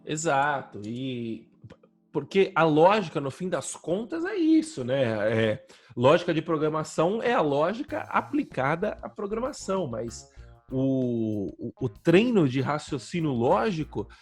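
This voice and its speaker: A man's voice: fairly high pitch, very animated, measured pace, husky, soft background music. A man co-hosting a podcast, talking casually with slang and lots of restarts. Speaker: podcast co-host.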